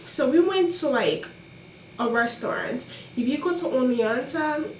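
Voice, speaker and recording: A woman's voice: high voice, animated, a little slow, slight background noise. A young adult woman telling college stories in a casual vlog, emphatic and exasperated, with lots of rhetorical questions. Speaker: college student vlogger. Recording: echoey room, mic at a distance.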